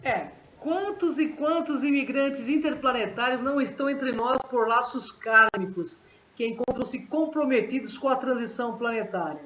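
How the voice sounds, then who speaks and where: A man's voice: very high-pitched, moderate pace, a little hiss or hum. A man co-hosting a paranormal talk show, speaking conversationally with fillers and small restarts. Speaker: co-host. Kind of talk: casual talk-show commentary. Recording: dull, roomy recording.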